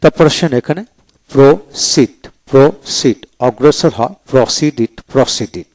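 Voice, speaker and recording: A man, teaching English verbs in a slow read-aloud vocabulary lesson. He says each word twice, then gives its meaning, in a measured recital. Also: medium pitch, darkish tone.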